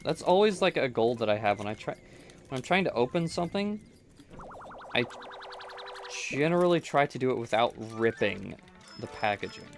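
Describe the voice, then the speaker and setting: A man giving relaxed, rambling gameplay commentary, often correcting himself as he talks into a close microphone. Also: mid-range voice, normal speed, pauses often, soft background music. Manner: rambling, self-correcting, chatty. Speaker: gameplay streamer. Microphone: close desk microphone.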